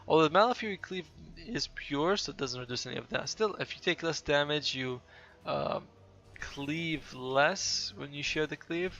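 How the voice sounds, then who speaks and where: A man's voice: fairly high pitch, normal speed, fairly bright tone, muffled recording. A tired, yawning man giving casual, chatty play-by-play commentary on a game replay, often correcting himself mid-sentence.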